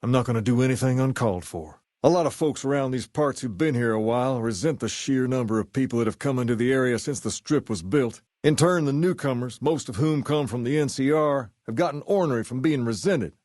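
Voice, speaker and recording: A male actor plays an easygoing video game gang boss who carries himself like rock-and-roll royalty. He sits at a middling male pitch and talks in a measured, folksy, colloquial way. The sound is dry and close, and he comes across as sure of himself. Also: a little mellow, no room sound, natural voice. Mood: businesslike, confiding. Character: easygoing, self-assured gang leader styled as a rock-and-roll king. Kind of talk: scripted game character dialogue.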